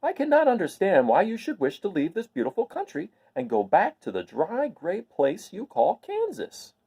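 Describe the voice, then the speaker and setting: A man's voice: sits high, wildly swooping pitch, normal speed, dark tone, breathy edge, muffled recording, pitched above the performer's own voice, full character voice. A man voicing a naive, earnest and cheerful scarecrow stuffed with straw in a storybook reading. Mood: earnest, puzzled. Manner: earnest, artless, wondering.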